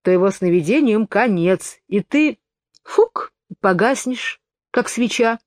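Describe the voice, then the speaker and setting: A woman's voice: mid-range voice, expressive, slow pace, a little mellow, dry recording, clean studio sound, pitched above the performer's own voice. A woman voicing a smug, quarrelsome little twin brother who lectures and contradicts, in a storybook reading.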